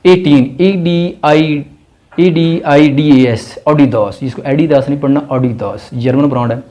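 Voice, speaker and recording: A man hosting a pronunciation lesson, spelling each word out letter by letter and then repeating it slowly, like a teacher. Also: on the high side, fairly even intonation, warm tone. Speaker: language teacher and channel host. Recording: roomy sound from away from the mic, faint noise.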